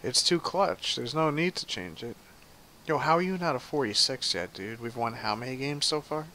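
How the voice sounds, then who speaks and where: A man's voice: mid-range voice, lively intonation, moderate pace, pushed and bright. A man casually commenting on his live gameplay stream, chatty and profane, answering his chat as he plays.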